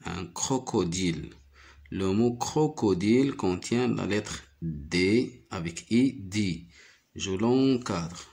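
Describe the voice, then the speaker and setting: A man's voice: sits low, takes it slowly, vocal fry, a little mellow. A man teaching a primary phonics lesson, patiently repeating each word and syllable.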